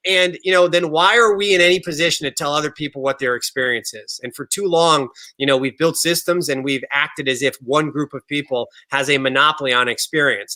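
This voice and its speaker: A man's voice: mid-range voice, sharp tone. A man hosting a virtual town hall, speaking earnestly with many restarts and fillers. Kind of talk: casual panel talk.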